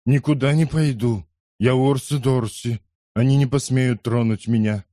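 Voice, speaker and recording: A man's voice: mid-range voice, fairly even intonation, measured pace, warm tone, no room sound, studio quality, pitched above the performer's own voice, lightly acted. A man voicing a proud, querulous, very old lord in an audiobook. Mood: defiant. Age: older.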